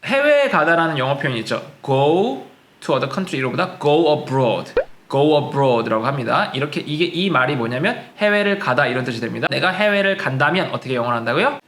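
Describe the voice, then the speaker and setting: A man teaching an English lesson, patiently explaining and slowing right down to say each example sentence. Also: fairly high pitch, very animated, fairly bright tone, reverberant, a little hiss or hum. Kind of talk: classroom-style lesson.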